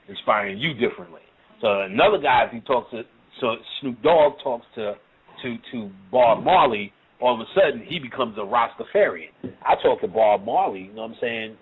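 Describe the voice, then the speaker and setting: A man delivers an occult lecture in a casual, rambling way, full of swearing and constant "you know what I'm saying" check-ins. His voice sits at an ordinary middle pitch. The audio is narrow and tinny, like a phone call. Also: slightly rough.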